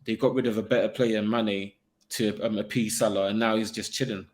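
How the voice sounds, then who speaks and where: A young man in a casual football chat, talking in an animated way with slang and frequent laughter. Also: lowish voice, brisk. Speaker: football pundit.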